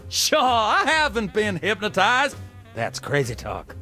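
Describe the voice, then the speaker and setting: A man's voice: sits high, huge pitch swings, slow, sharp tone, soft background music, exaggerated voice. An actor playing a folksy, dim, rambling male president in a comic cartoon game, breezily oblivious. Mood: breezy denial.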